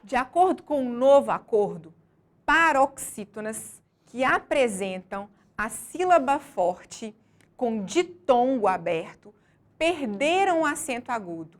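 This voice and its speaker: Slow, deliberate woman teaching a lesson. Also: on the high side, big pitch swings. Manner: slow, deliberate, stressing syllables. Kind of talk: scripted lesson narration.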